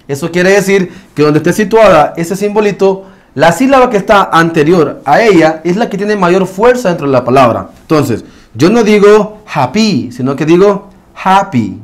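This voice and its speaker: A man teaching an English pronunciation lesson, explaining rules patiently, often checking in with the class and saying example words slowly. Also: high voice. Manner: explanatory, with frequent check-ins and slow modeled words.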